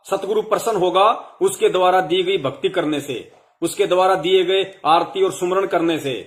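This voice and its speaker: A young man giving a heated devotional sermon to fellow followers, scolding them with rhetorical questions. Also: high voice.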